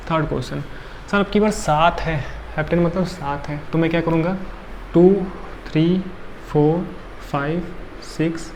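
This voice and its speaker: A tired man teaches chemistry in a fairly high voice. He works step by step, counting aloud and checking in with the class often. A faint hiss sits under the recording. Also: vocal fry, a little mellow. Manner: counts atoms aloud, frequent checking tags. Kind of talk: classroom lecture.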